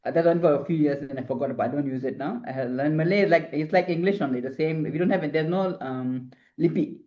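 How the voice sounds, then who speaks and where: A middle-aged Singaporean woman, a marketing consultant, gives advice as an interview guest, rambling and restarting often. Her voice sits low and her pace is quick. The recording sounds dull and lo-fi.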